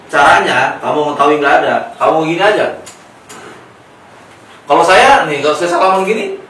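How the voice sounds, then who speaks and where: Male clinic therapist, gentle and explanatory, off-mic in a very echoey room. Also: fairly high pitch, lively intonation, a little fast. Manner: gentle coaching, then plain explanation to parents. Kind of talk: clinical consultation with a patient and family. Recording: echoey room, mic at a distance, faint noise.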